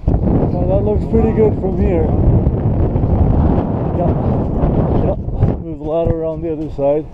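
Through a muffled body-worn action camera buffeted by loud wind, a work crew leader on a snowy mountain gives helpers practical, casual directions, thinking aloud in short phrases. His voice is a little high, his pace measured.

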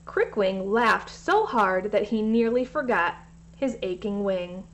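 A woman reading a children's story aloud in a gentle way, sometimes speaking directly to the kids. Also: mid-range voice, lively intonation, slow pace, muffled recording.

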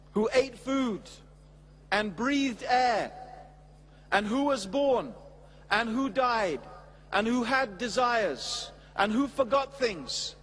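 A middle-aged man giving a measured, emphatic religious lecture at a stand mic on a large studio stage before an audience. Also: high voice, in a large hall, a little hiss or hum. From England. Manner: measured, emphatic, with expressive hand gestures. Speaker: Islamic preacher. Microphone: stand mic at a lectern.

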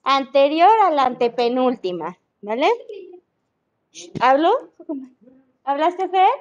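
A woman's voice: high voice, big pitch swings, takes it slowly, highs cut off. A woman teacher with a Mexican Spanish accent, explaining patiently in an online class and checking that students follow. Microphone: video call.

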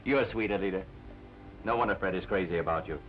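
An actor playing a young, self-mocking wartime flying lieutenant with a wry, self-deprecating manner, in early talkie film sound. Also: male voice, low-pitched, quick pace. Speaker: pilot. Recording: dull 1930 film soundtrack, faint music.

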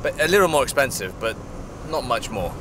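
A man's voice: mid-range voice, expressive, a little fast, fairly bright tone, poor audio. Joking man in an open-top car. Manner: easygoing, joking. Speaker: vlog co-host. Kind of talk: casual chat. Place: open-top car outdoors on city streets. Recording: traffic and wind noise.

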